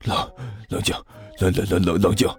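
A man voicing a nervous middle-aged male school director who mutters low and stammers. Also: wildly swooping pitch, takes it slowly, darkish tone, exaggerated voice.

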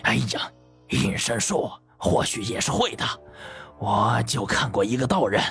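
A man voicing an anxious aging official who speaks low and urgently in a story reading. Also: expressive, a little slow, faint music behind. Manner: hushed, sighing, low and urgent.

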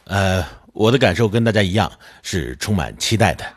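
A man playing a glib television news anchor with smooth announcer delivery, in an audio drama. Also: sits low, expressive, normal speed. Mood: announcing.

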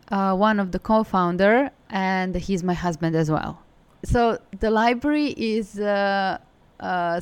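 A woman's voice: mid-range voice, clean tone. A woman from Serbia with a Serbian accent, answering conversationally as an interview guest. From Serbia, from Belgrade. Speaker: interview guest, design studio co-founder.

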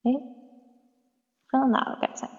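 A woman's voice: moderate pace, a little mellow. A woman English teacher talking bluntly in a casual livestream Q&A, reading out viewer questions and scolding a little. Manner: reads viewer questions aloud. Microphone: phone. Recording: dull lo-fi phone livestream with long reverb.

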